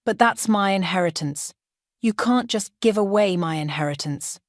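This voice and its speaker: A man's voice: high voice, lively intonation, moderate pace, no room sound, clean studio sound. A woman reading as a panicked pleading grown son. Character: desperate adult son losing his inheritance.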